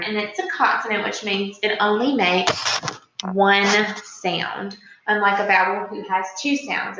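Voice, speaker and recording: A woman's voice: medium pitch, bright, forceful tone, muffled recording. A woman teacher giving an informal, instructional video lesson to young children. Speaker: early-grade teacher. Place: indoor room at a smartboard. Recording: very echoey room, slightly distant mic.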